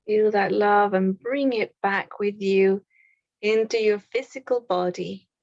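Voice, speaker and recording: A woman leading a guided meditation in a soothing, unhurried way, with pauses between short phrases. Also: medium pitch, fairly even intonation, gravelly, a little mellow, no echo, muffled recording.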